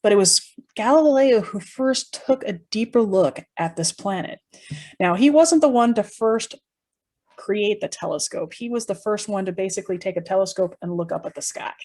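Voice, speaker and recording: A woman's voice: mid-range voice, expressive, moderate pace, darkish tone. A woman presenting an educational tour in a conversational, explanatory way, with informal asides and rhetorical questions.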